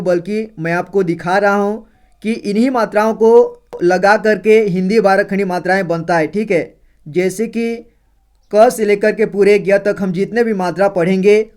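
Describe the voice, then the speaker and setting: Male tutor, high clear voice, slow patient delivery, recites syllables with repeated check-ins. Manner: slow, repetitive, often adds "theek hai" and calls viewers friends. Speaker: Hindi teacher. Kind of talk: explaining and reciting Hindi syllables.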